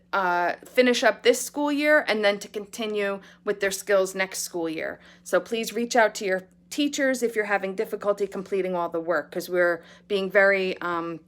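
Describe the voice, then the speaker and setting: Speaking as a school principal, a woman delivers an earnest, cheerful morning video address to children and their families. She has a mid-range voice with a fairly bright tone.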